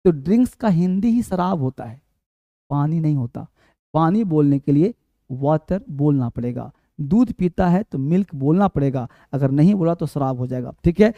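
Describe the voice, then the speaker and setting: A man teaching English to Hindi speakers, drilling verb forms and pronunciation with energetic, coaxing repetition. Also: a little high, normal speed, dry recording, muffled recording.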